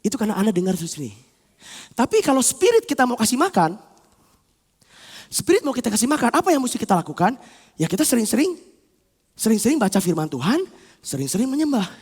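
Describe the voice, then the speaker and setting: A man preaching a sermon as bishop in a church, animated and acting out inner dialogues. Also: extremely high pitch, fast talker, pauses often, breathy edge. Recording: long church hall reverb.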